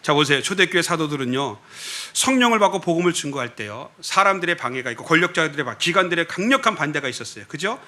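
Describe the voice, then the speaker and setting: Bright, animated Korean pastor preaching. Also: male voice, a little high, fast, few pauses. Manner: animated, with frequent rhetorical questions to the congregation. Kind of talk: sermon. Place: church sanctuary during a worship service.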